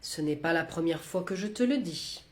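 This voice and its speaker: Woman with a stern hushed delivery. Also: fairly low pitch, expressive, normal speed. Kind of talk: comic sketch acting.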